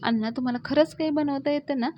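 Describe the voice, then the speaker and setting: A woman's voice: high-pitched, quick pace, highs cut off, pitched above the performer's own voice, close to an everyday voice. A woman voicing a cheeky, carefree young man who teases in a sassy way. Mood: teasing.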